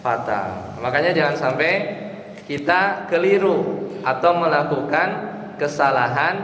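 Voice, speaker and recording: A man's voice: medium pitch, slight background noise. A male religious teacher giving a study lecture, explaining patiently and chanting verses as examples. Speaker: ustadz teaching Islamic law. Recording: echoey hall, long reverb.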